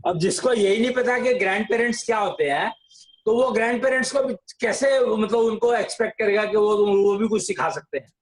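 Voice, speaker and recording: A man's voice: high voice, brisk. A man explaining tradition in a casual discussion, insistent and lecturing. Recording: echoey room.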